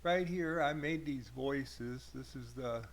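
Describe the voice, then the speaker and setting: A man casually walking through his own software in a screen-recorded tutorial, hesitant, with many fillers. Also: medium pitch, slow, a little hiss or hum. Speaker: hobbyist programmer demoing his software.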